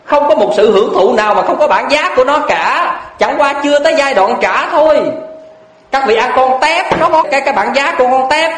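A Buddhist monk giving a blunt, earnest dharma talk full of rhetorical questions. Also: male voice, very high voice, expressive, a little fast, fairly bright tone, faint music behind. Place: lecture hall. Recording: echoey hall.

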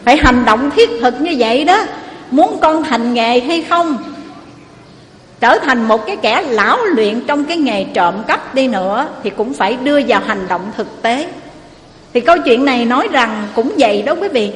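A woman's voice: a little high, moderate pace. Woman telling a moral tale in an echoing hall. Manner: lively storyteller, addresses the audience often. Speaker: preacher. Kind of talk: moral storytelling sermon. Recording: echoey hall, faint noise.

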